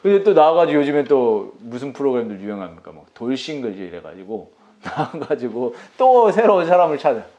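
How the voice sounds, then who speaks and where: A male pastor preaching a sermon with a very lively, animated pitch, talking casually and throwing questions at his congregation. The recording sounds somewhat dull and lo-fi. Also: fairly quick, few pauses. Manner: conversational preaching with rhetorical questions and laughs.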